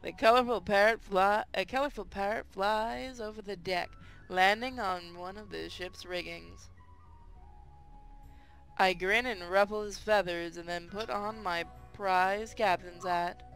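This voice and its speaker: A man's voice: high voice, steady tone, measured pace, creaky, fairly bright tone, faint music behind, rough recording. A man streaming a visual novel read-aloud, narrating and bantering casually in a sweary, playful way.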